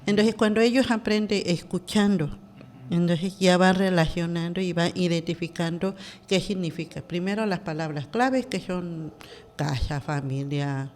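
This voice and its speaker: A woman's voice: lowish voice, unhurried, darkish tone, a little hiss or hum. A woman, talking as a podcast guest in a hesitant way, full of fillers and restarts. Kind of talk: casual interview talk.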